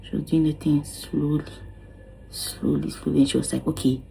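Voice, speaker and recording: A woman's voice: low-pitched, flat delivery, moderate pace, vocal fry, warm tone, a little hiss or hum, poor audio. A young woman telling her own story to camera, dramatic and exclaiming, acting out what each person said. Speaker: vlogger.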